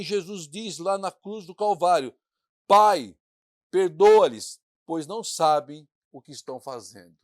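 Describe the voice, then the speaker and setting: High-voiced guy preaching a sermon, loud then hushed, lots of repetition, dry close mic. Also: no room sound. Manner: preaching with rhythmic repetition and sudden drops to near-whispers; rises to loud emphatic declarations. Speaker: pastor.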